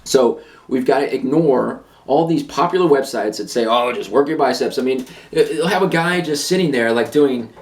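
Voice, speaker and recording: A man's voice: mid-range voice, moderate pace. A man on a fitness channel, ranting to camera, blunt and emphatic, who hammers his points home by repeating them. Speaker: fitness vlogger.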